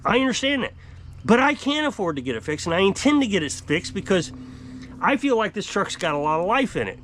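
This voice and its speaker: A man's voice: high voice, big pitch swings, a little fast, fairly bright tone, a little hiss or hum. Exasperated man in his fifties, ranting. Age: 50s. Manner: exasperated, emphatic, gesturing widely. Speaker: off-grid homestead vlogger. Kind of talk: frustrated rant to camera. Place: outdoor covered porch by woods.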